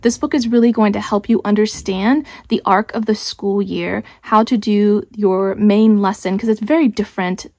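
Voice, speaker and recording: A woman's voice: mid-range voice, steady tone, moderate pace, few pauses, warm tone, dry recording. A woman hosting a homeschool channel, explaining a curriculum in a casual, conversational way and sometimes restarting her phrasing as she thinks aloud.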